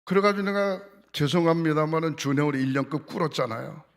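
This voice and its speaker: A man's voice: on the high side, brisk. Older man preaching in blunt folksy tones. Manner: colloquial and lively. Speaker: pastor. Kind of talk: sermon. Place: church sanctuary.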